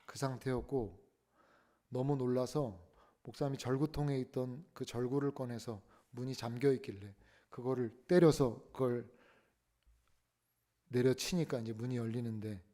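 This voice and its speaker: A male pastor preaching a sermon, telling a story that swings between hushed tones and loud outbursts. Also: medium pitch. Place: church sanctuary.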